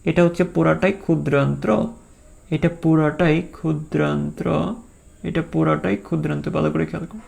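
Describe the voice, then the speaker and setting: A man with a strongly gravelly voice gives a biology lesson to students. He drills terms by repeating them, asks questions and answers them himself, and voices the questions students might ask. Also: high voice, a little mellow. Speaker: teacher. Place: recorded for an online lecture.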